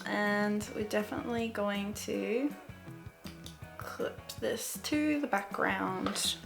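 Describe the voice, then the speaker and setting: A woman narrates a casual screen tutorial at an unhurried pace, with a gravelly creak in her voice. She thinks aloud hesitantly and repeats words as she decides what to do. Music plays clearly behind her. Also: mid-range voice. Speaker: photo editing tutorial host.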